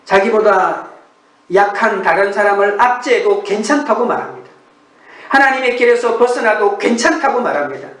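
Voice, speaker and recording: A male pastor giving an earnest, measured early-morning sermon, asking rhetorical questions in a church sanctuary. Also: very high-pitched, fairly bright tone, distant mic. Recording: echoey room, voice from off the mic.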